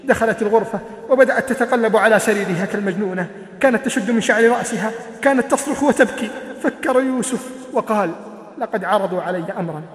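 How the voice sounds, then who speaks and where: A male preacher with a very high, quick voice delivers an emotional sermon, swinging into sung and shouted cries. The sound carries a long echo, as if from a large hall. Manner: dramatic, chanting rises into near-shouting. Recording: echoey hall recording.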